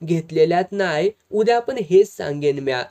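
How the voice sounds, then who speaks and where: Stern head of the house, touch, warm low tone; the reader doing him. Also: male voice, lively intonation, normal speed. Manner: stern, commanding. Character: angry grown son, stern head of house.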